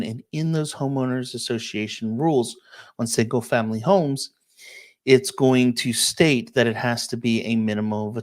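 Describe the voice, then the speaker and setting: A man, a real estate agent, giving a casual live-stream walkthrough of listings and answering viewer questions, checking in often with "okay?". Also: medium pitch. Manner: casual, explanatory, many "um" and "okay?" check-ins.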